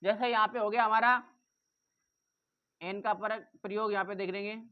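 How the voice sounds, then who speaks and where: A woman's voice: mid-range voice, fairly even intonation, moderate pace. A woman teaching English grammar in a classroom-style lesson, repeating points and asking the class rhetorical questions. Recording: dull lo-fi recording.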